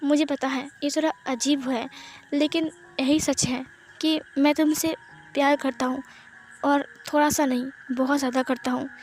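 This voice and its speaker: A woman's voice: high-pitched, steady tone, normal speed, a little mellow, faint music behind, natural voice. A woman voicing a lovesick young woman who pleads and presses with questions, in a read-aloud fan story. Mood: pleading.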